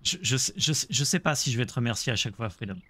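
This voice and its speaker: A man's voice: medium pitch, animated, fast talker, sharp tone, dry recording. A man streaming a Let's Play, chatting casually about the game and joking with his viewers. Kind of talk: casual gameplay commentary.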